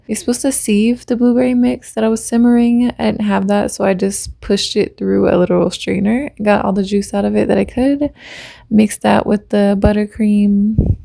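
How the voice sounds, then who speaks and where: Gravelly-voiced woman narrating her baking. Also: medium pitch, dark tone, no echo. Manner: chatty, self-deprecating, light laughs. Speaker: vlogger.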